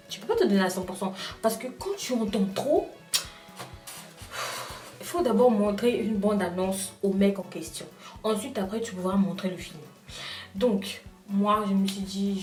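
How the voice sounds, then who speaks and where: A young woman vlogger telling a personal story in casual chat, talking straight to her viewers in an animated way. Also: mid-range voice, roomy sound, far from the mic. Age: young adult. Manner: animated, addresses viewers directly.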